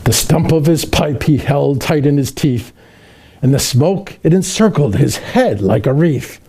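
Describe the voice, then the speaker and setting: Man playing Santa Claus, gravelly and mellow storyteller. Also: on the high side, animated, unhurried, full character voice. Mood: warm storytelling. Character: Santa Claus, jolly kindly old man. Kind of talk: reading a children's Christmas poem aloud.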